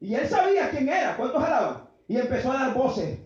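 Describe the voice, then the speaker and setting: High-voiced man preaching in an echoey church. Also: very animated, fairly quick. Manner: fervent call-and-response preaching, often shouting. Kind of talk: sermon. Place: church sanctuary. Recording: very echoey, muffled church PA sound.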